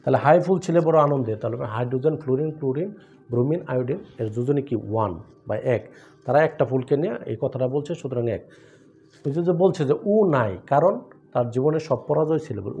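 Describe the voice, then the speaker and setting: A man with a mellow, dark-toned voice teaches chemistry. He walks through each point one step at a time, posing questions and answering them himself. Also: mid-range voice. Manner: explains step by step with rhetorical questions. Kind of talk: classroom-style lesson with memory tricks.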